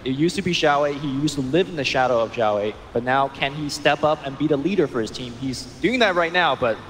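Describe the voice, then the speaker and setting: A man explains an esports match in an even, measured way, his voice slightly high. Clear background noise sits under his speech. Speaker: color commentator. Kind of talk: esports analysis.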